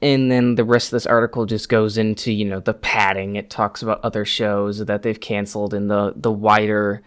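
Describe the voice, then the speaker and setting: Male video host, lowish voice, chatty and rambling, mouth a bit slurred as if sore from dental work. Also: level tone, normal speed, clean tone. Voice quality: slightly slurred speech after wisdom tooth removal. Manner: rambling, conversational. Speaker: YouTube host giving TV show news. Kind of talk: unscripted news update to camera.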